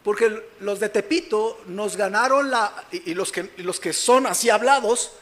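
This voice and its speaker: A man's voice: high-pitched, moderate pace, a bit bright. A man with a Mexican Spanish accent from Mexico City, preaching a sermon as pastor and often checking that the congregation is following him. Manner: keeps asking the congregation whether they follow him.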